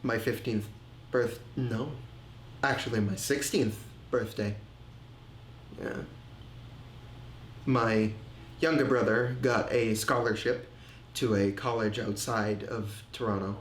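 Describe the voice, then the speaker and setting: A man playing a haunted, halting griever in a roomy space. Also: medium pitch, steady tone, a little hiss or hum, lightly acted. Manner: halting, repeats words, trails off. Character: grieving middle-aged man, haunted, hesitant. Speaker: man recounting family tragedy. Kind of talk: film monologue. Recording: roomy echo with faint ambience.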